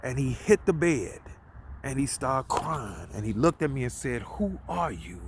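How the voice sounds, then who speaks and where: A vlogger with a mid-range male voice, lively intonation and normal speed talks casually as he walks outdoors at night, with slight background noise. His story is rambling and conversational, and he repeats himself.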